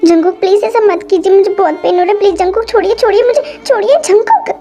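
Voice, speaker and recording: A woman's voice: extremely high pitch, steady tone, fairly quick, soft background music. A woman voicing a frightened, devoted young wife who pleads and reassures, in a fan-fiction story. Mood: frightened, pleading. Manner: pleading, soft and breathless. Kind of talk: Hindi fan-fiction voice acting.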